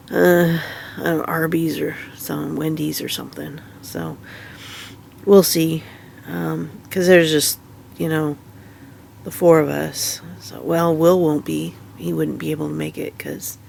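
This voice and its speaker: A tired woman with a stuffy nose, half awake and chatting casually in a rambling, halting way. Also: deep voice, vocal fry, a little mellow, a little hiss or hum. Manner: rambling, halting, many fillers and restarts. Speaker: vlogger. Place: in bed at home.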